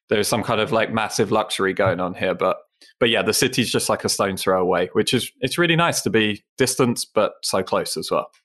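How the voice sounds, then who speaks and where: A low-pitched English man in his thirties talks as a podcast guest. He rambles casually, peppering his answers with fillers and self-deprecating asides. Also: fairly bright tone. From England (Essex). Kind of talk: casual interview chat.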